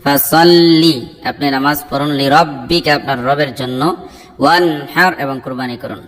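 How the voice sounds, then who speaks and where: A man teaching Quran recitation, chanting verses slowly and drawn out, then spelling out letters and explaining. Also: fairly high pitch, fairly even intonation, a bit bright, long reverb tail.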